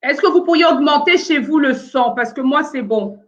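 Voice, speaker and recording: Hosting a casual home live stream, a French woman with Congolese roots deals with sound issues alongside her callers, speaking hesitantly and filling gaps with fillers. Her slightly high voice is expressive, though the audio comes through dull and lo-fi.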